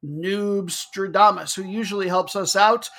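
Male host, high voice, bright and forceful, chatty tongue-in-cheek sports preview. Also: fairly even intonation, a little slow. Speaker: football betting show host. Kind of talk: casual comic sports preview.

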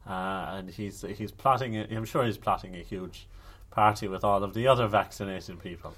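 A man's voice: fairly low pitch, moderate pace, fairly bright tone. A man with a North Kerry accent from the west of Ireland, chatting casually and wryly as a podcast co-host. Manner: jokey, wry. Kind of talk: casual chat.

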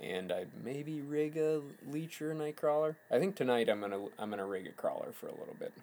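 A man with a Minnesota accent, co-hosting a relaxed fishing chat and laughing easily. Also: on the high side, brisk. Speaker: podcast host. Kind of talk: casual chat.

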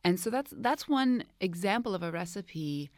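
A woman's voice: medium pitch, lively intonation, normal speed, dry recording. A woman in her thirties from Oakland, a cookbook co-author, answering questions in a radio studio in a thoughtful, explanatory way. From Oakland, California. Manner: thoughtful, explanatory, some restarts. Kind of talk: radio interview.

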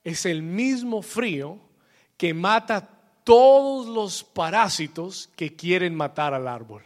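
A man preaching a sermon in church, calling for responses from the congregation, slipping English phrases in and building up to shouts. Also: high voice, lively intonation, takes it slowly. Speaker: pastor.

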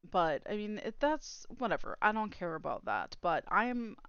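A woman's voice: medium pitch, sing-song, normal speed, a bit bright, clean tone, dry recording, highs cut off. A woman co-hosting a podcast in casual chat, rambling and trailing off into fillers. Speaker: podcast co-host.

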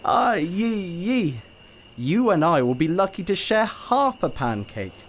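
A busy, patient mother with a gently teasing way of talking, as a man puts her on. Her voice rises above the reader's own and swings brightly as she speaks. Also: high voice, sing-song, measured pace, a little hiss or hum, pitched above the performer's own voice. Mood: fretting. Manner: gently teasing, repeating sayings. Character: warm, busy Kenyan mother, patient but worried.

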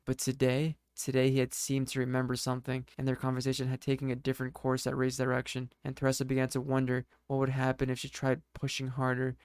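A man narrating a scripted story in a steady, even reading voice. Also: medium pitch, vocal fry, smooth, dry recording, clean studio sound.

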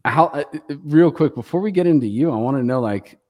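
A man's voice: a little high, lively intonation, a little fast, warm tone. A man co-hosting a casual podcast from an empty house, his voice echoing like a cave as he talks loosely and swears a lot. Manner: loose, swearing, says "dude" often. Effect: cave-like room echo on the voice. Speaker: podcast co-host. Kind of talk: casual podcast chat over a call.

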